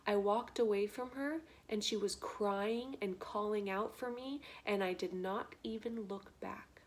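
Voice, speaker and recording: Lady doing a rough sorry prisoner guy, low hushed storybook voice. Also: measured pace, natural voice. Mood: remorseful. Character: remorseful rough male prisoner.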